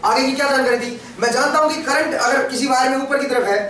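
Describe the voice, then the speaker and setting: An engineering lecturer with a very high, quick, pushed and bright voice teaches a classroom lecture, constantly firing questions at students and answering them himself. The camera sits far from him in a large, echoey classroom, with slight background noise.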